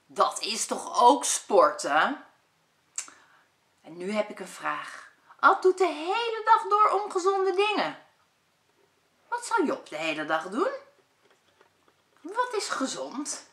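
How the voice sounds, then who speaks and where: Slow, lively-voiced kindergarten teacher reading aloud. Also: female voice, high voice. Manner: slow, expressive, questions to children. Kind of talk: reading a picture book aloud to young children. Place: school room. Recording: echoey room.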